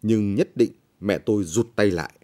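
A man reading a short story aloud in measured, grave scripted narration. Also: fairly low pitch, mellow.

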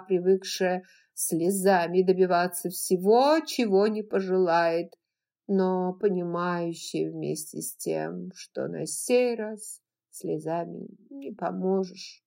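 A woman narrating a novel as an audiobook in a measured, expressive reading. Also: mid-range voice.

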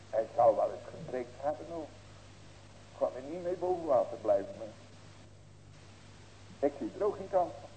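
Older male pastor in his sixties: mellow, fairly high voice, folksy sermon full of rhetorical questions, swells to ringing emphasis. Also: a little hiss or hum, poor audio. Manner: earnest, building to emphatic ringing cries.

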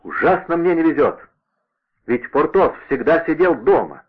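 A man voicing a bold young male musketeer who speaks in brisk exclamations. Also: a little high, sing-song, husky, pitched above the performer's own voice. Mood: impatient. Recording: narrow radio-like sound.

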